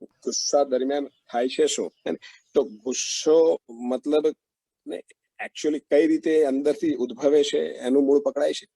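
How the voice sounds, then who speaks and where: Over a video call, a man with a fairly high, warm voice and some vocal fry runs an interactive teaching session in a dry recording. Slow and questioning, he quizzes the group and keeps murmuring approval of their replies.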